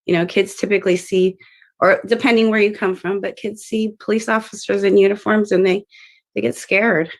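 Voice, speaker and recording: A woman's voice: medium pitch, fairly even intonation, moderate pace. A woman giving an earnest, hesitant public comment at a community meeting over a video call.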